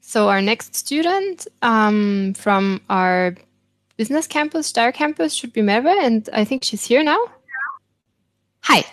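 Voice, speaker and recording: A woman welcomes viewers to an online webinar, her voice a touch higher than most. She is friendly and fills her pauses with small hesitations. The sound is dry and close, as over a video call. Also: lively intonation, no echo. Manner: friendly, filler-heavy delivery. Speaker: webinar host. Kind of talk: hosting a webinar.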